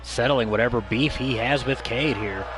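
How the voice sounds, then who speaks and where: Over music on a rough recording, a male wrestling commentator calls the play-by-play at normal speed in a medium-pitched voice. His delivery comes in clipped, punchy move-by-move calls.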